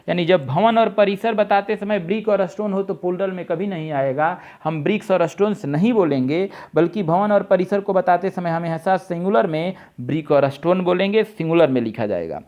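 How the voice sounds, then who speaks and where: A man's voice: high voice, darkish tone. A man teaching English grammar for competitive exams, explaining step by step, spelling words out letter by letter and checking that students follow. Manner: checks in with students, asks if it is clear. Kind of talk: exam-prep grammar lesson.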